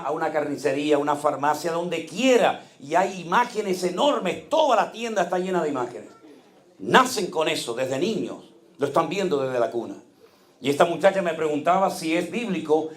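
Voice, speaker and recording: A man's voice: mid-range voice, roomy sound. Man preaching a sermon with emotional swings. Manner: emotional storytelling, swings from loud exclamations to hushed quiet. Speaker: pastor.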